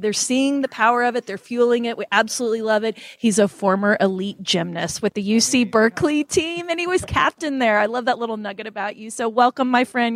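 Animatrice de podcast à l'accent de l'Oklahoma. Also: female voice, mid-range voice, no echo, studio quality. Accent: Oklahoma (Okie). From Oklahoma, United States. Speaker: podcast co-host. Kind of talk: conversational podcast hosting.

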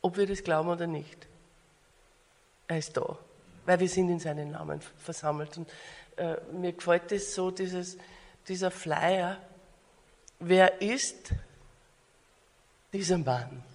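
A woman's voice: lowish voice, slow, long pauses, darkish tone. An Austrian woman with an Austrian German accent, preaching a guest sermon in earnest, rising, emphatic tones. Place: church hall. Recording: long church hall reverb.

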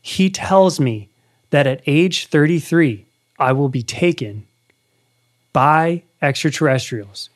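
A man's voice: a little high, expressive, takes it slowly. A man in his thirties, hosting a casual conversation and telling an earnest story with animation. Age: 30s. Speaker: podcast host.

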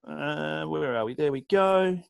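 A man's voice: on the high side, expressive, measured pace, creaky, clear, resonant tone. A man with an Australian accent bantering in a casual, joking group chat, swearing freely.

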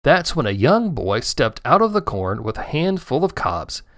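A man narrating a children's story in a gentle, expressive storytelling manner. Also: medium pitch, moderate pace, dry recording, studio quality.

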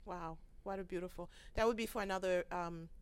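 Lady reverend hosting a podcast, smooth clear voice, gracious and welcoming. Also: lowish voice, fairly even intonation, a little fast. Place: conference center.

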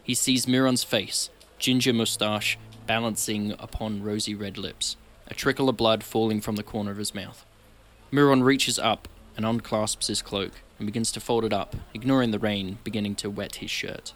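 Bright-toned man narrating a fantasy game. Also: lowish voice, moderate pace. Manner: steady, descriptive storytelling. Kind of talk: dramatic story narration.

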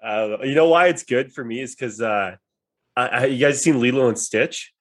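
A man's voice: medium pitch, normal speed. A young man chatting casually on a podcast with friends, joking and swearing. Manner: joking, swearing, does cartoon impressions. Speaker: podcast co-host. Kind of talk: casual chat among friends.

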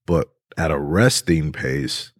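A man with a very low, deep voice talks in a loose, rambling way, full of fillers and easy laughs. It sounds like a relaxed podcast chat recorded close and dry, with no room sound. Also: slow pace, no room sound. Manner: laid-back, rambling with many fillers, laughs often. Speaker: podcast co-host. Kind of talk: casual chat.

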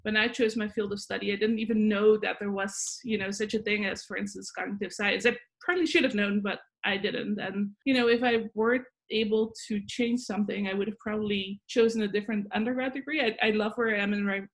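Woman in her 40s, Dutch accent, podcast guest, reflective and halting, mid pitch. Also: steady tone. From Netherlands. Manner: thoughtful, many fillers and restarts. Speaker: guest, psychology professor. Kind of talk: interview answers.

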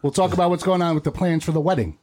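Male host, crude jokey banter, slightly higher voice. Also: steady tone, very fast, darkish tone. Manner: joking, crude. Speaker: podcast host.

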